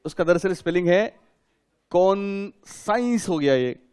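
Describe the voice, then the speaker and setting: A man teaches a class in a fairly high voice. He keeps putting questions to his students and repeats each key term several times so they can write it down. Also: animated, unhurried, darkish tone. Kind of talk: classroom lecture.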